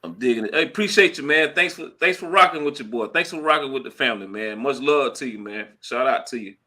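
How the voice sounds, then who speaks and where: A man hosting a casual live stream, talking in a slangy, chatty way and giving shout-outs. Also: mid-range voice, lively intonation, fast. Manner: slangy and chatty, full of "you know what I'm saying" and shout-outs. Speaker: host of a crypto live stream. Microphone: computer mic at a laptop.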